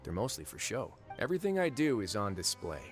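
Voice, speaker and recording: Low-voiced, composed duke. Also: male voice. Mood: composed, earnest. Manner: calm, articulate, deliberate, lightly wry. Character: composed adult male duke, shrewd, measured authority. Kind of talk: English video game voice acting. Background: faint game music.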